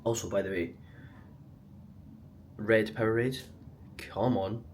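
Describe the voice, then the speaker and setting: Low-voiced Scottish man vlogging over clear noise. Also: steady tone, slow pace, darkish tone. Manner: chatty, colloquial. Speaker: vlogger, amateur marathon runner. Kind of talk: casual vlog chat. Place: on the move around a city, partly outdoors. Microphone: handheld action camera.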